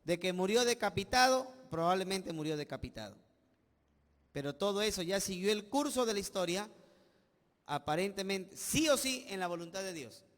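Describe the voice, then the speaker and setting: Peruvian pastor, high male voice, emphatic sermon delivery, long hall reverb. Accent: Peruvian Spanish. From Peru. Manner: preaching with call-and-response asides, swelling and dropping volume.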